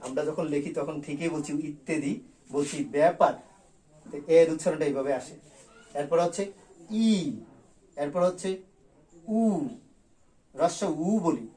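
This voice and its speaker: A male school teacher from Bangladesh giving an online grammar class, repeating key sounds slowly and drilling them. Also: a little high, warm tone.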